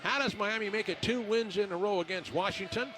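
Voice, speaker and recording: A man commentating on a basketball pre-game show as the radio broadcaster, in a conversational, halting way. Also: high voice.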